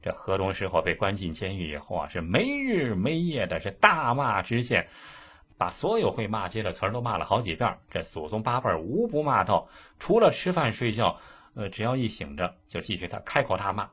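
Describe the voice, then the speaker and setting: Man, storyteller, animated, husky, low voice. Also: a little fast. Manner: lively, colloquial, dramatic asides. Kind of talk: casual storytelling.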